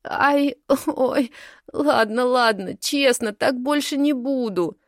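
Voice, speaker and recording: A woman's voice: sits low, big pitch swings, a little slow, dry recording, clean studio sound. A woman voicing a rude, whiny twelve-year-old girl in a storybook reading, snapping and whining.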